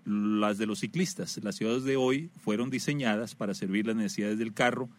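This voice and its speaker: A man's voice: lowish voice, moderate pace. A man hosting a radio talk show, conversational and full of "eh" fillers. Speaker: radio host.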